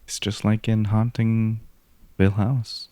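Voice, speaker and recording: Podcast co-host, man with a very low, dark voice, laid-back casual chat, dry close mic. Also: level tone, slow, no echo.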